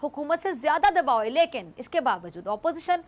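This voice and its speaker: A woman delivering scripted news commentary in a formal, measured way. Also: high-pitched, sing-song.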